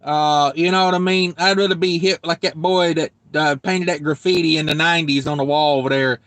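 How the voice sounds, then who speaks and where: A young man with a high, bright voice rambles through a casual live stream from his truck cab. He jokes freely and reads viewer comments aloud. The sound is dry and close, with no room echo. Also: steady tone, a little fast. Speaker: trucker livestream host.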